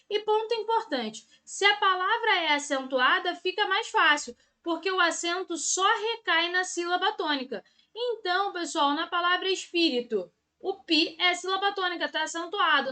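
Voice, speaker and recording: A woman's voice: very high voice, sharp tone. A woman from Brazil teaching Portuguese grammar in an exam-prep video lesson, upbeat and chatty, stretching out key words for emphasis.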